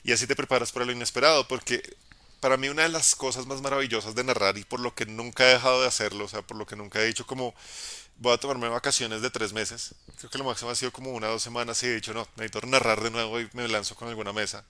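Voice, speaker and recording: A young man, a game master giving an encouraging, casual live talk about narrating, in a low tenor voice with frequent restarts. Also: level tone, fast talker, bright, forceful tone, no room sound. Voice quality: lowish tenor voice. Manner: encouraging, conversational, many restarts. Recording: dry live stream audio.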